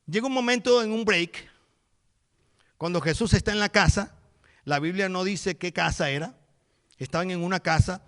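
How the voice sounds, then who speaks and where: Male pastor, higher voice, sermon delivery, storyteller who acts scenes out. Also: moderate pace, pauses often, a bit bright. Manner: vivid storytelling, acting out the scenes.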